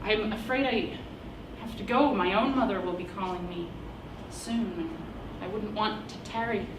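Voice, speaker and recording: A woman's voice: medium pitch, normal speed, lightly acted. A woman playing a polite, hesitant village girl with prim, old-fashioned phrasing in a stage story. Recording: very echoey noisy stage from far off.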